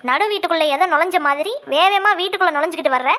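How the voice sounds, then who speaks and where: A woman's voice: extremely high pitch, rapid-fire, sharp tone. A woman voicing a fierce, protective middle-aged mother in a comic cartoon, scolding and threatening. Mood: angry. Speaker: mother character.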